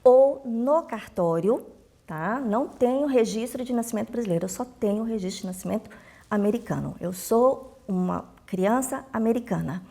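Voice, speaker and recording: A woman with a Brazilian Portuguese accent speaks at a normal speed in a fairly high, animated voice that is both gravelly and mellow. As a consular official in an informal interview, she lays out the rules emphatically, repeats her key points, and acts out dialogues in her anecdotes.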